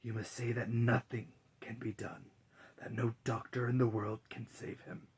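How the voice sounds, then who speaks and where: A hushed, menacing spirit of Death, acted out by a man for a storybook tale. The voice is low and breathy, often sinking to a husky whisper. It speaks slowly and deliberately, stern and ominous as a grim godfather. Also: little pitch movement. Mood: solemn, commanding. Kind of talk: dramatic fairy tale reading.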